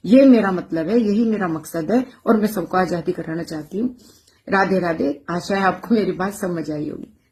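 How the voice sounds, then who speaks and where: A woman's voice: fairly low pitch, normal speed, slight background noise. Impassioned woman delivering a rhetorical monologue. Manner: forceful, rhetorical, repeating phrases for emphasis. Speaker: educator and social media speaker.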